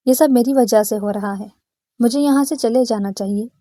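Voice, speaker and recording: A woman's voice: fairly high pitch, warm tone, no room sound, studio quality, natural voice. A woman voicing a frightened, tender-hearted young woman who speaks anxiously. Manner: anxious, tearful.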